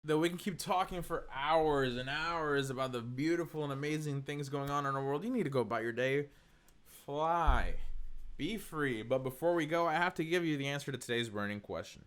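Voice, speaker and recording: A man's voice: on the high side, moderate pace, fairly bright tone, clean tone. A young man from North Carolina hosting a podcast, delivering an upbeat scripted monologue in an earnest, encouraging way. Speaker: podcast host.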